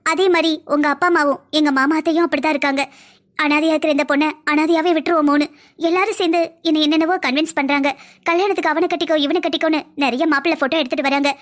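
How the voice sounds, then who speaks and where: Brief: woman as a pleading, heartsick young woman, high voice, cartoon. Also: steady tone, rapid-fire, lightly acted. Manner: pleading, emotional. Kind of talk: cartoon voice acting.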